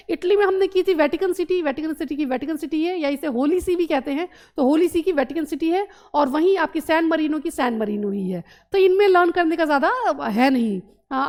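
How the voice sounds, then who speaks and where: A woman teaching geography in Hindi, quizzing the listener with quick questions and then answering them herself. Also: high-pitched, a little mellow. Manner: drills by asking and answering her own questions. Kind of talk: map lesson for exam students.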